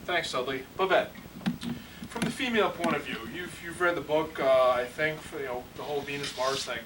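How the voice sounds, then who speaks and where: Man acting parody news anchor, higher-pitched male voice, earnest, bumbling, stammering, clear background noise. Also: close to an everyday voice. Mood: earnest, halting. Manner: halting, stammering questions. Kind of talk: parody news anchor, amateur spoof newscast. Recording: distant mic, clear background noise, clicks.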